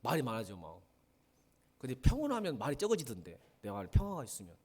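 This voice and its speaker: A middle-aged man preaching a sermon as pastor, asking the congregation questions and swinging from soft asides to loud emphatic lines. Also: medium pitch, quick pace. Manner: animated, questions the congregation and answers himself.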